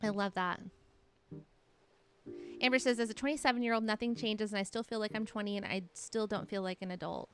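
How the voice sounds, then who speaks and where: A woman's voice: medium pitch, fairly even intonation, brisk, pauses often, faint music behind. A woman in her late thirties, chatting casually on a live stream and encouraging her chat while reading their messages aloud. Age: 30s.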